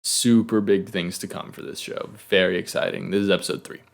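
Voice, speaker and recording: A young man hosting a casual TV recap on his own, chatty and loose, with quick asides. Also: deep voice, steady tone, gravelly. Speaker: TV recap host. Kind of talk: casual solo episode recap.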